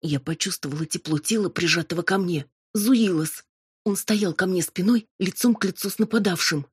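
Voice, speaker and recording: A woman narrating an audiobook in a measured, steady way. Her voice is husky and rather low, recorded dry and close. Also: no room sound. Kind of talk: scripted first-person narration.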